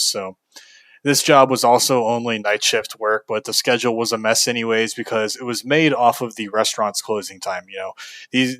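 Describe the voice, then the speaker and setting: A man's voice: medium pitch, a bit bright, no room sound. A young man from Kentucky telling a frank, casual story about a bad job, venting with fillers and the odd curse. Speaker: video host.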